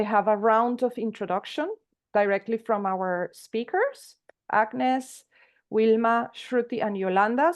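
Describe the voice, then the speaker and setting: A woman moderating an online webinar over a video call, speaking with many fillers and restarts. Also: mid-range voice.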